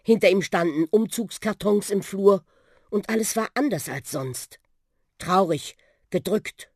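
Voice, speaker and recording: A narrator reading a children's audiobook with expressive, lively storytelling. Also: medium pitch, unhurried, breathy edge, no room sound, studio quality.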